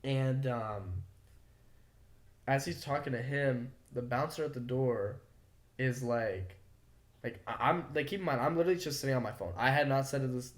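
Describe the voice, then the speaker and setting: A young man co-hosts a podcast. He tells a story in loose, heated casual talk, full of swearing and "like" fillers. His voice sits at an ordinary pitch and echoes around a roomy space. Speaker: podcast co-host. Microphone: podcast mic. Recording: roomy echo.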